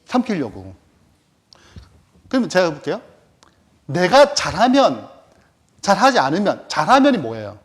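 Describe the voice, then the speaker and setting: A man's voice: high voice, wildly swooping pitch, measured pace, pauses often, husky. A man giving a Bible study lecture, asking rhetorical questions and then answering them himself. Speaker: Bible teacher.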